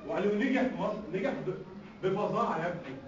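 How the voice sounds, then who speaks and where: A man with an Egyptian Arabic accent gives a medical lecture, animated and full of rhetorical questions and joking asides. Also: sits high, fast, background noise. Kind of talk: recorded classroom lecture. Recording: distant, echoey, dull lecture-hall recording with faint ambience.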